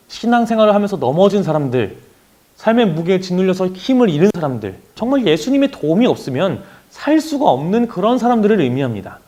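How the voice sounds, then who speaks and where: A man's voice: high voice, a little mellow. A young man preaching earnestly as youth pastor, then praying. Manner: earnest, emotive preaching with rising and falling emphasis. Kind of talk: sermon and prayer.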